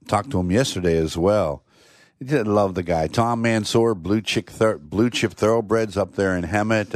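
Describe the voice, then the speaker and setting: A man's voice: low voice, no echo, studio quality. An older man hosting a horse racing talk show, chatting in a rambling, casual way.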